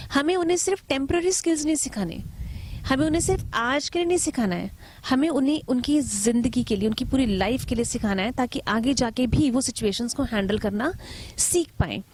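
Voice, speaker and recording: A woman in her thirties giving parenting advice in a calm, patient lesson, asking the listener questions and mixing in English words. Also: high-pitched, a little hiss or hum. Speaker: kindergarten teacher giving parenting tips. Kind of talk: talk-to-camera parenting lesson.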